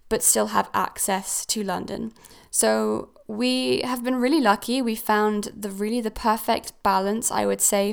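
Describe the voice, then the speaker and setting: Young woman podcasting from home, smooth voice with a lot of fry, lots of ums. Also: mid-range voice. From Switzerland. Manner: chatty, with frequent ums and self-corrections. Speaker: podcast host. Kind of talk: casual solo podcast talk. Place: new house.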